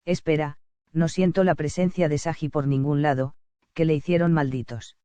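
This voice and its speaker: Woman playing a clear-voiced young demon girl. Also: sits low, fairly even intonation, moderate pace, mellow, no room sound, muffled recording, lightly acted. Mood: alarmed. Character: young demon girl, loyal to her friends. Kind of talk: fan story character acting.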